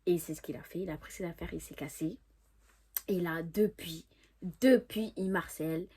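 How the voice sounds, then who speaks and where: Husky-voiced young woman telling a story. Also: fairly low pitch, normal speed. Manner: lively, animated, repeats words for emphasis, laughs often; imitates an English accent when quoting. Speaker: storyteller vlogger. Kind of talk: casual storytime monologue.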